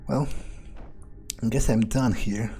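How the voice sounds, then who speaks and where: A game streamer role-plays a cold, cynical, casually murderous male vampire, thinking aloud in a nonchalant, halting way as he plays through the game. His voice is mid-range, steady and dark, with soft music behind him, and the mood is one of detached musing.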